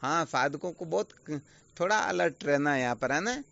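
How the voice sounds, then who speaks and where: A man's voice: a little high, animated, moderate pace, vocal fry, pushed and bright, no room sound. A man acting as a spiritual teacher, giving a patient, explanatory online discourse full of rhetorical questions. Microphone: video call. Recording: dull lo-fi online call audio.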